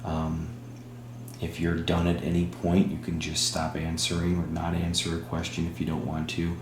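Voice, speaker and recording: A man hosting a spirit box session, speaking in halting short phrases and putting questions to a spirit. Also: low-pitched, completely flat delivery, crowd noise. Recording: roomy echo with humming background noise.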